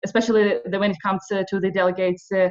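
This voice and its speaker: A woman's voice: medium pitch, little pitch movement, quick pace, a little mellow. A young woman from western Ukraine in her twenties, leading an online video workshop in a hesitant way, with many fillers. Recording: slightly dull audio.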